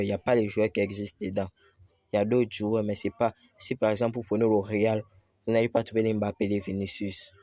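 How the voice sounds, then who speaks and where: A gaming tutorial host with a low, flat voice explains a game slowly and step by step, repeating himself. It's a screen-recorded tutorial, and the background noise is loud.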